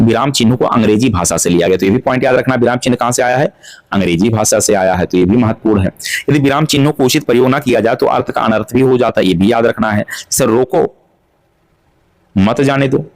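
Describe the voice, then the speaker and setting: A man's voice: medium pitch, quick pace. A man teaching an exam-prep grammar lesson, asking questions and answering them himself to drill each point. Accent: Hindi-speaking North Indian.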